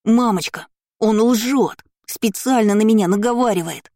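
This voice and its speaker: A man's voice: measured pace, a little mellow, no echo, clean studio sound. A male audiobook reader voicing a spoiled little noble boy who whines and shrieks in a tantrum. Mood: tantrum wail. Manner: whiny, shrill tantrum.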